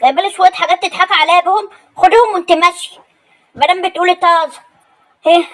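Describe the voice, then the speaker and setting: A woman playing a shrill, bossy Egyptian mother-in-law. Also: fairly even intonation, rapid-fire, a bit bright. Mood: nagging. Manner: complaining, bossy scolding. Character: nagging, demanding older mother-in-law. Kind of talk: comedy sketch acting.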